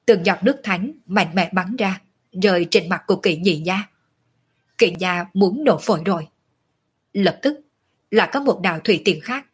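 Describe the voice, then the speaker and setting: A woman narrating a martial-arts novel as an audiobook, in a steady storytelling manner. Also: lowish voice, husky.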